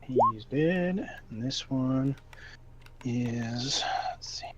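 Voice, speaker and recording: A man narrating as game master of a tabletop game, slow and halting with fillers. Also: mid-range voice, animated, a little hiss or hum. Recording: dull lo-fi sound.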